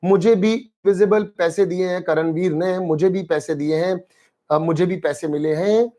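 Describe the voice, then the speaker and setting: Brief: male streamer, high-pitched, animated and chatty, reads comments to his audience. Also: unhurried. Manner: animated, mixes Hindi with English phrases, addresses chat by name. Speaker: live-stream host reviewing a reality show. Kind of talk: casual live-stream chat reading viewer comments.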